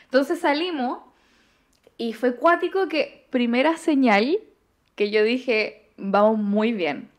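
A young Chilean woman telling a dating story in casual chat, animated and full of slang. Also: fairly high pitch, slow. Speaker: podcast guest.

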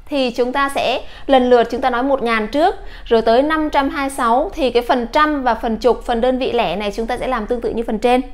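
High-voiced woman teaching English numbers. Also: steady tone. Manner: patient, slow modeling of English words. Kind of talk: classroom lesson.

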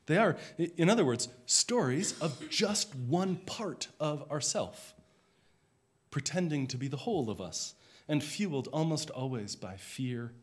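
A man who is a minister, giving a sermon in a reflective, measured way, his voice dropping softly at the ends of phrases. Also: fairly high pitch, animated, husky. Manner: slow, reflective, measured delivery.

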